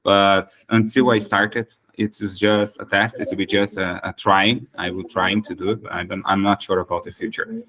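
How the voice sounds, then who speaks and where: With a crowd audible behind him, a Portuguese-speaking man from Brazil hosts a relaxed English practice chat, hesitating and restarting many times. He speaks at a normal pace in a low, steady voice.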